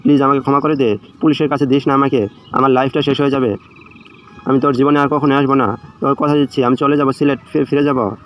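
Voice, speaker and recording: A man's voice: mid-range voice, little pitch movement, quick pace, lightly acted. A man voicing a scheming young woman, indignant and pleading, in a romantic audio story. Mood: frightened, pleading. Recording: dull lo-fi audio under music.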